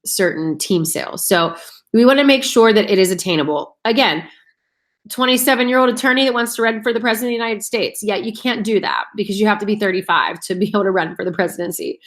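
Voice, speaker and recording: A woman's voice: medium pitch, fast talker. A woman in her thirties, chatty and upbeat, coaching her sales team on goal setting and calling her listeners guys. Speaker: direct sales team leader. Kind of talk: casual coaching talk.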